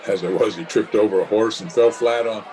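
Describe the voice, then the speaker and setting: Man playing low-voiced, wry Mayor La Trivia. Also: fairly quick, crowd noise, close to an everyday voice, low-quality recording. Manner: formal, sarcastic, getting tongue-tied. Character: dry, wry, easily flustered small-town mayor. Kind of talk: old-time radio comedy acting.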